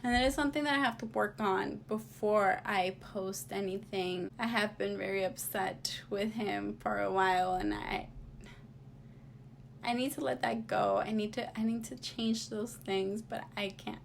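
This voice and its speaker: A woman's voice: medium pitch, fairly even intonation, a little slow, gravelly, slight background noise. A woman in her twenties chatting casually as she answers viewer questions, blunt, sassy and slangy with no filter. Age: 20s. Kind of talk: casual confessional Q&A chat.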